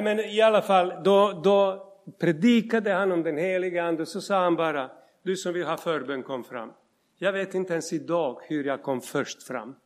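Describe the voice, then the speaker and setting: Middle-aged male preacher, fairly high voice, lively storytelling sermon delivery. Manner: storytelling, animated, addresses listeners directly. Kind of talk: sermon with personal testimony.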